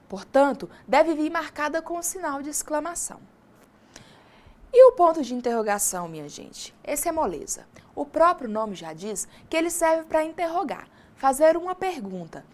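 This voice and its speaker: A woman teacher from Brazil with a Brazilian Portuguese accent, giving a recorded distance-learning lesson and often asking her students questions. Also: extremely high pitch. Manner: lively, addresses students directly with questions.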